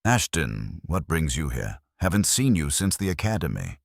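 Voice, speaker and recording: A man's voice: extremely low pitch, sing-song, normal speed, creaky, no echo, clean studio sound, exaggerated voice. Man doing firm army lieutenant. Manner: firm, ordering. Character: firm male lieutenant, loyal to his men.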